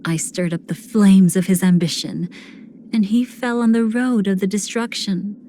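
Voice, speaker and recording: An actress playing a seductive, sinister woman cremator in a video game, speaking in a languid, theatrical way with breathy, whispered phrase endings. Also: mid-range voice, fairly even intonation, normal speed, warm tone, slight background noise, lightly acted. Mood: cool, haughty. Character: seductive, sinister woman cremator who savors betrayal and decay. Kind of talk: video game character voice lines.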